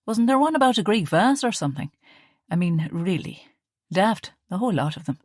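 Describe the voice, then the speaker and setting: A woman reading the part of a cheerful, joking young man in an audiobook, lively and teasing. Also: medium pitch, normal speed, no echo, studio quality. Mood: jaunty. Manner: playful, teasing, loud and lively.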